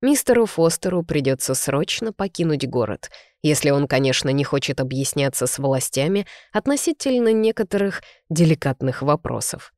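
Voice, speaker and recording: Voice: medium pitch, big pitch swings, moderate pace, few pauses, a little mellow, no room sound, clean studio sound. A reader voicing a stern shrewd old father.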